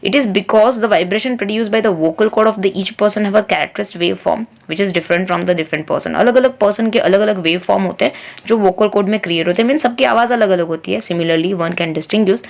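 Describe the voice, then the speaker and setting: A woman tutor explains a science textbook, reading English lines slowly and then going over them in Hindi. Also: mid-range voice, creaky.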